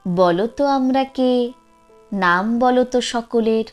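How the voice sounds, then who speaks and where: A woman voicing a grown daughter who gently coaxes and pleads with her mother in a storybook reading. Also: on the high side, slow, faint music behind. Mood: coaxing. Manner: coaxing, pleading.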